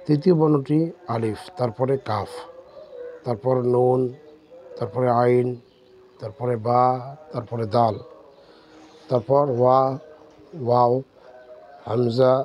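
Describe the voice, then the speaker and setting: A man teaching Quran reading step by step, spelling out letters and drawing out syllables slowly. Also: mid-range voice, fairly even intonation, a little mellow, a little hiss or hum. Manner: slow, drawn-out syllable drills. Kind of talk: step-by-step recitation lesson.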